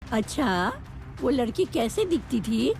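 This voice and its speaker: A woman's voice: fairly high pitch, sing-song, slow pace, vocal fry, darkish tone, soft background music, full character voice. An actress playing an older village aunt and mother who speaks assertively.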